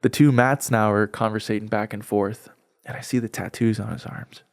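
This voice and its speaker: A man's voice: on the low side, fairly even intonation, normal speed, creaky, no room sound, studio quality. Earnest young man sharing a testimony. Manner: earnest, heartfelt, conversational with frequent "like". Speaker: podcast guest. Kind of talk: personal faith testimony storytelling.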